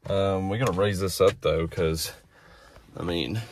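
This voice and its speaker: A man's voice: deep voice, fairly even intonation, unhurried, a little hiss or hum. A young man, vlogging casually from inside his pickup truck, rambling with lots of fillers. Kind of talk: casual vlog narration.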